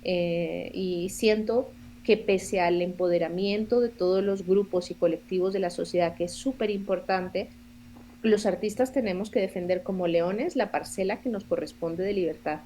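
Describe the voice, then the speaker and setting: A woman in her forties from Colombia talks as a podcast guest in a thoughtful, earnest way. Her voice sits in a middle pitch. She often pauses and searches for the right words, with a faint noise behind her. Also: dark tone. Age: 40s. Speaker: guest, theatre director and playwright. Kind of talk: podcast interview conversation.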